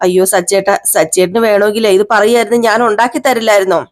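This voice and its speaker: A woman voicing a gentle young wife who answers her husband softly and bashfully. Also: medium pitch, steady tone, fast talker, lightly acted.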